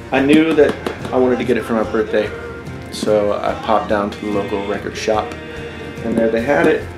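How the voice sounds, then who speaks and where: A man in his forties talking casually in a wry, chatty way, speaking straight to his viewers in an unboxing vlog. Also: mid-range voice. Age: 40s. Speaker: tech YouTuber host. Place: home room. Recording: roomy echo with faint music.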